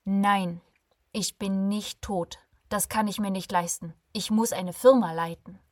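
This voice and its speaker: A woman voicing a stubborn, self-important businessman who speaks loudly and insistently, in a breathy voice. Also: fairly low pitch, flat delivery, unhurried, dry recording, studio quality. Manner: loud, insistent, tense.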